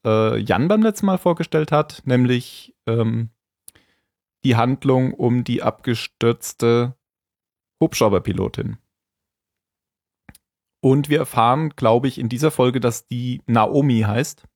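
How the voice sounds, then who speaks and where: A man's voice: mid-range voice, a little slow, a little mellow, no room sound, studio quality. A man hosting a podcast, casually recapping an episode in a conversational way. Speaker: podcast host.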